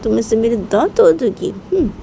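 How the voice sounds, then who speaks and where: Give me a woman playing a timid young woman, speaking softly and pleading hesitantly. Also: on the low side, fairly even intonation, normal speed, gravelly, slight background noise, rough recording. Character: gentle timid young woman, soothing her angry lover. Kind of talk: storytelling role-play.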